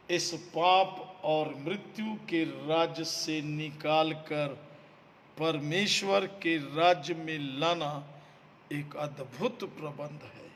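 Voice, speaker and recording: A man's voice: a little high, fairly bright tone, big-room sound. A man preaching a sermon, emphatic, repeating phrases and calling his listeners beloved.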